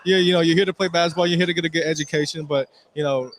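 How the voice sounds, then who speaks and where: A man's voice: a little high, fairly even intonation, rapid-fire, slight background noise. A man giving local radio color commentary at a basketball game, talking loosely with lots of "you know" fillers. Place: basketball gym, courtside.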